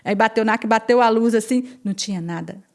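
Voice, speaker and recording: Animated woman telling a personal story. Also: fairly high pitch, brisk. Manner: animated, repeats phrases and acts out quoted speech. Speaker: podcast guest.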